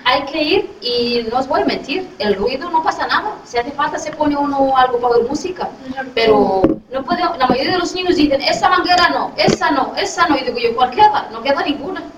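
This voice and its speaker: With a high, animated voice and a fairly quick delivery, a middle-aged dentist from Western Sahara addresses a class of children, friendly and posing questions to see if they follow. There's background noise, and the recording is distant, very echoey and dull lo-fi.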